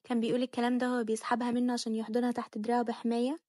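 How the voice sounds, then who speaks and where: Rapid flat-voiced Egyptian woman narrator. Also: on the high side, dry recording, studio quality. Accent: Egyptian Arabic. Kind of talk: audio novel narration.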